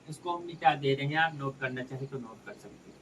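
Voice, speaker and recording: A man's voice: medium pitch, a little fast, fairly bright tone, far from the mic, slight background noise, low-quality recording. A man teaching a maths lesson step by step, calling his viewers friends as he works through each sum.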